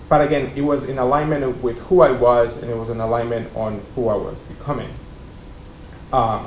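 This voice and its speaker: Seated on a panel as keynote speaker, a thirtysomething man from Mexico tells college students about his life through a stand-mounted desk mic. His delivery is easygoing and chatty, peppered with ums and uhs, his hands moving as he talks. Echo fills the room, and a low rumble hums underneath.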